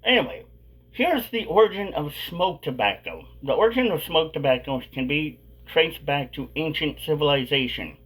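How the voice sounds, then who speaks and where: A man's voice: fairly high pitch, expressive, moderate pace, fairly bright tone, breathy edge, rough recording. A man hosting a casual vlog, talking with a dip of chewing tobacco tucked in his lip. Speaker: video host.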